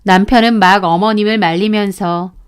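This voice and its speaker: A woman's voice: mid-range voice, steady tone, moderate pace, smooth. A woman narrating a first-person family story in an indignant, confiding manner.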